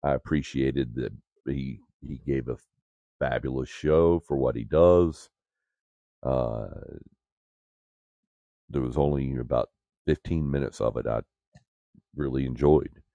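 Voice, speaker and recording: Male co-host, extremely deep and dark voice, dry close recording, droll casual talk. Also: slow pace, pauses often, dry recording, muffled recording. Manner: droll, tongue-in-cheek. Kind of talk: casual chat.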